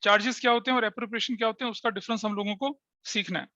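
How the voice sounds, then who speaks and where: A male teacher lecturing a class with a bright, forceful voice. He checks often that the students are following. The recording is dry and slightly dull. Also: sits high, steady tone, rapid-fire, dry recording. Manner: explains step by step with frequent checking questions to students; mixes Hindi with English terms.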